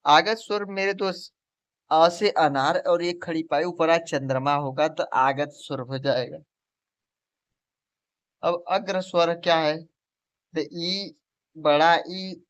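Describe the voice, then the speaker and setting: A man's voice: fairly high pitch, clear, resonant tone, dry recording. A man teaching a lesson for exam preparation, who asks questions and answers them himself and keeps calling the viewer his friend. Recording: dull, lo-fi recording.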